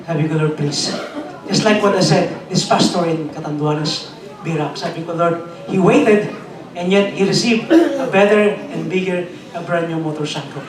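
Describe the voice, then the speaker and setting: In a large church hall, a man with a somewhat high voice delivers a joking sermon as pastor at a measured pace, moving between Tagalog and English and mimicking the people he talks with. A crowd can be heard behind him, and the congregation responds. The echoey recording was made from far off.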